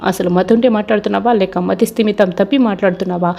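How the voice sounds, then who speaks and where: A woman voicing a proud, defiant older man who heads a family, read in an even tone. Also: mid-range voice, fast, creaky.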